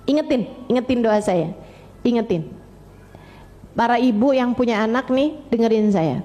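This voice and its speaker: A woman's voice: a little high, expressive, moderate pace, mellow. A woman preacher giving religious advice to parents, speaking colloquially, repeating phrases for emphasis, asking rhetorical questions and addressing mothers directly. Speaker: Islamic preacher.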